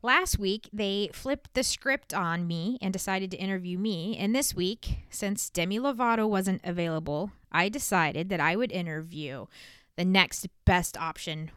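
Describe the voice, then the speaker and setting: A woman's voice: fairly low pitch, animated, measured pace, a bit bright, clean tone, no room sound, studio quality. A woman hosting a casual podcast, interviewing her wife in a playful, teasing way. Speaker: podcast host.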